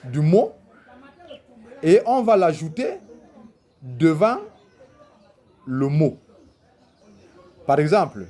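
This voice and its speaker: A man from Cameroon explains a traditional concept, deliberately posing rhetorical questions and answering them as he teaches. His voice is a little high and mellow.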